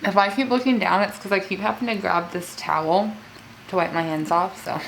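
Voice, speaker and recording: A woman's voice: medium pitch, fairly even intonation, a little fast, gravelly, fairly bright tone, a little hiss or hum, low-quality recording. A woman talking casually as a mukbang host, telling a true-crime story in a chatty way peppered with filler words. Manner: conversational, filler-heavy with frequent "like".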